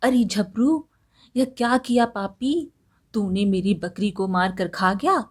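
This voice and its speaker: A woman's voice: mid-range voice, slow, slightly rough. A woman voicing an old village woman who pleads and scolds over her lost goat, in a storybook reading. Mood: angry. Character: old village woman, fretful and easily angered.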